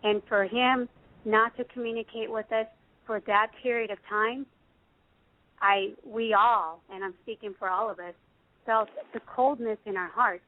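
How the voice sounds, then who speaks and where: A woman speaking as a radio guest, earnest and halting, with frequent fillers. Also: on the high side, steady tone, no room sound. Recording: dry, tinny phone-like line.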